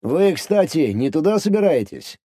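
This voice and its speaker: A composed, secretive man, as a male reader plays him, speaking calmly and a bit condescendingly, as an adult speaks to a child. His mellow, darker voice moves with lively pitch but stays controlled, recorded dry and close. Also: no echo. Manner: calm, measured, condescending. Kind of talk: audiobook dialogue reading.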